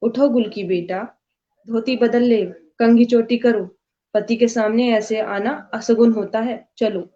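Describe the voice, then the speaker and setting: A motherly middle-aged neighbour coaxes gently and without hurry, as a woman reads her in a story. Her tone is mellow. The sound is muffled. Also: on the high side, steady tone, slow, slight background noise. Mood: soothing. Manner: soothing, coaxing. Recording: dull lo-fi recording.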